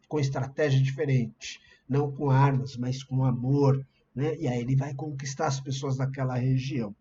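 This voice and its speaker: A male pastor with a Brazilian Portuguese accent preaches to an online congregation in a conversational, explanatory style while sharing slides on screen. His mid-range voice is warm, the recording has its highs cut off, and there is slight background noise.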